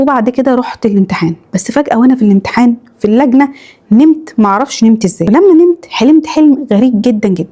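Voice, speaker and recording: A woman with an Egyptian accent narrating horror stories in a quick first-person retelling. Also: on the high side, dark tone. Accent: Egyptian Arabic. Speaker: storyteller reading followers' horror stories.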